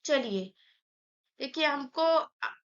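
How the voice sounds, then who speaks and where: Female teacher, high-pitched, slow and deliberate, drills sounds aloud one by one; lo-fi audio. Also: lively intonation. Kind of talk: online grammar lesson.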